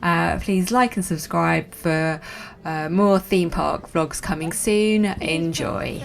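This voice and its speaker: A woman's voice: lowish voice, slow, gravelly. A woman, around her thirties, giving a casual introduction as a vlogger.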